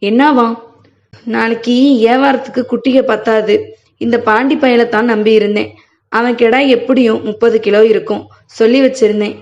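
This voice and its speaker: A woman's voice: fairly high pitch, fairly even intonation, normal speed, darkish tone, natural voice. A woman reading as an angry older butcher. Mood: gruff, scolding. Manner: gruff, scolding, bitter. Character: angry older village goat butcher, a man. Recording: muffled lo-fi recording.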